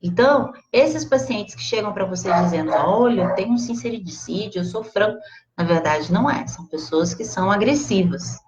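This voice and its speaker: A Brazilian woman with a Brazilian Portuguese accent giving a casual, expressive live class, chatting directly to her audience. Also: mid-range voice, moderate pace, heavy background noise. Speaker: psychologist teaching a live class. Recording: slightly dull lo-fi livestream audio.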